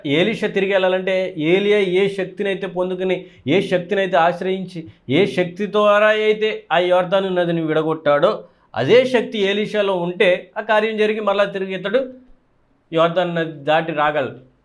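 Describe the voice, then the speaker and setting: A man's voice: sits high, steady tone, normal speed. A man with a Telugu accent preaching a sermon, asking rhetorical questions and repeating phrases for emphasis.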